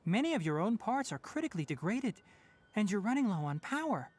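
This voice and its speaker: A man with a high voice plays a calm, principled young male forest ranger and scholar in a video game. He speaks in a measured, thoughtful way.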